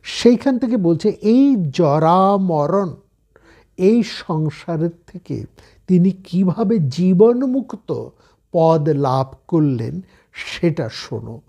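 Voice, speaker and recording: A man with a Bengali accent giving a slow, measured scripture discourse, explaining each point step by step. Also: sits high, big pitch swings, mellow. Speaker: spiritual speaker.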